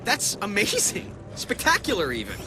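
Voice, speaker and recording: A man's voice: high voice, huge pitch swings, normal speed, noisy background. A man voicing a young, cocky, wisecracking superhero with an American accent in a video game. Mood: flippant, upbeat. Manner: flippant, quippy, incredulous. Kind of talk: animated video game voice acting. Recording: loud music behind the voice.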